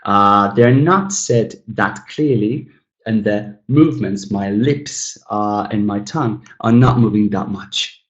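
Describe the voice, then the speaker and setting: A man's voice: on the low side, slow, lo-fi sound. Man teaching pronunciation in an echoey room. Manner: demonstrates sounds by exaggerating stressed syllables and mumbling unstressed ones; explanatory, addresses viewers as guys. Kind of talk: recorded language lesson.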